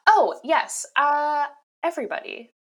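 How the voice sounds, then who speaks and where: Lively young woman podcast co-host. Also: high-pitched, measured pace. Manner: animated, wry, many fillers. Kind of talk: casual chat.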